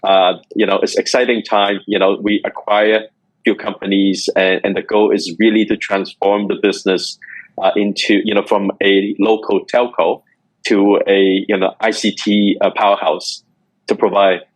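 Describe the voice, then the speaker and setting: A middle-aged man from Hong Kong answering interview questions in a measured way, with many fillers. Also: lowish voice, level tone, dry recording, rough recording. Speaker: guest, company executive.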